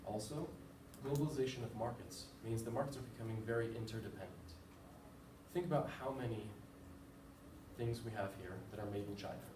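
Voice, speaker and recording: A brisk, mid-range male voice belongs to a young American giving a casual class presentation that's informative and includes a few fillers and self-deprecating jokes. The audio is echoey and noisy, with the mic placed far away.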